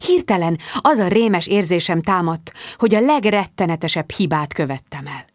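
A woman reading a first-person audiobook in an expressive, lively storytelling manner. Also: fairly low pitch, no room sound, studio quality. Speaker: audiobook reader.

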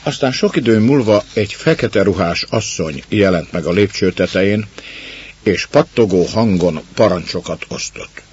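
A man reading a story aloud in calm, measured narration, on a dull lo-fi recording. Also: fairly low pitch, husky.

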